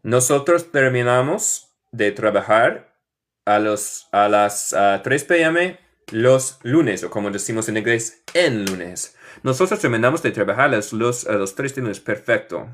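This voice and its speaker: An American man with a Northern US accent, a native English speaker, teaching English in Spanish with slow, drawn-out model phrases in a live online lesson. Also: medium pitch, animated, fairly bright tone. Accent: Northern US (Michigan). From United States. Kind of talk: live online lesson, reading chat questions.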